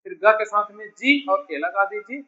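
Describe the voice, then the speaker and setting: A man's voice: sits high, lively intonation, normal speed, pushed and bright, dull audio. A man teaching a beginner English lesson, patiently repeating each point and calling his students dear children. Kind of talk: classroom lesson explaining spelling.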